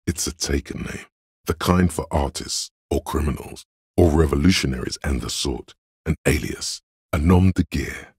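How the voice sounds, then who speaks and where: A male voice actor performs scripted video game voice-over as a detective's inner voice of pure logic. His exaggerated voice is exceptionally low, very deep, gravelly and husky with a darkish tone, reasoning coolly and deliberately. Dry, close and echo-free, it lays out each deduction in a measured, analytical way.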